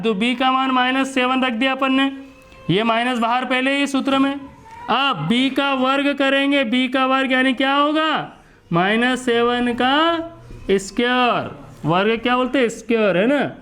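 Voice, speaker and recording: A maths teacher with an Indian accent and a high voice. He keeps asking the class questions and answers them himself. He repeats each step and switches between Hindi and English terms. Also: a bit bright. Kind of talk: classroom lesson.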